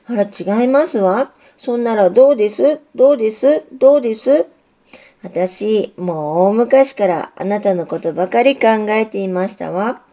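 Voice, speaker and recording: A woman's voice: medium pitch, animated, normal speed, warm tone, natural voice. A woman voicing a shy, modest young female railway signal in a storybook reading, speaking politely and demurely. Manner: demure, polite, self-deprecating.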